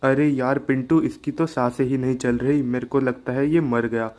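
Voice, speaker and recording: A man's voice: mid-range voice, fairly even intonation, darkish tone, lightly acted. A man doing a nervous young village sidekick. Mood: panicked. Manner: nervous, hurried.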